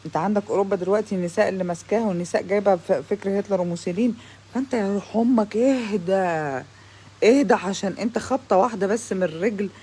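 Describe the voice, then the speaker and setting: A young woman with an Egyptian Arabic accent rants to the camera, sarcastic and worked up, occasionally dropping English phrases in. She races along in a warm, slightly rough voice of medium pitch.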